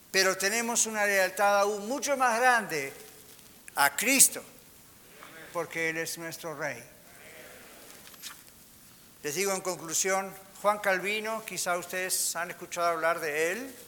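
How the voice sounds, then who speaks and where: A man's voice: high voice, bright, forceful tone. A man preaching a sermon as pastor, asking the congregation rhetorical questions. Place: church hall. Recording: hall reverb with faint hiss.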